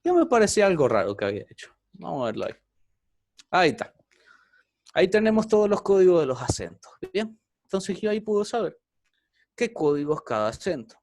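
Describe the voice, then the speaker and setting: A man's voice: high voice, sing-song, a little fast, long pauses, a little mellow, no room sound. A man teaching an online programming class, explaining step by step and often checking in with the students.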